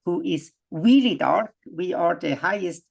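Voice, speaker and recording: A man from Switzerland, giving a halting worldview lecture full of restarts and fillers. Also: high voice, animated, vocal fry.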